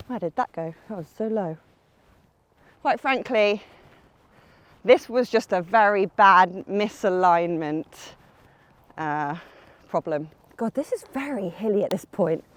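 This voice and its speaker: A woman's voice: medium pitch, slight background noise. Young woman, golf vlogger, chatty running commentary, self-mocking, outdoors on a course. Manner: chatty, self-mocking, talks to herself about each shot. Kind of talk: casual running commentary while playing golf.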